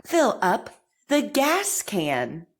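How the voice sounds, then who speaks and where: A woman leading an articulation drill as a speech teacher, over-enunciating practice sentences in a careful, deliberate, encouraging manner. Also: mid-range voice, wildly swooping pitch.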